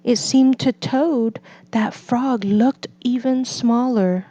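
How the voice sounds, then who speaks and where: A woman narrates a children's storybook at a very slow, deliberate pace. Her voice is fairly high and mellow, and the recording is a little dull. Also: dry recording. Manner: measured, deliberate delivery for learners. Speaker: storybook reader. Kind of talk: slow scripted children's read-aloud narration.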